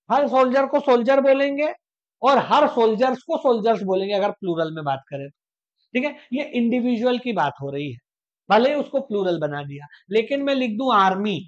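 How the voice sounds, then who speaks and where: In an online exam-prep grammar lecture, a teacher poses rhetorical questions and answers them, goes over each point step by step, and slows down to emphasize English definitions. The voice is medium-pitched, and the highs are cut off.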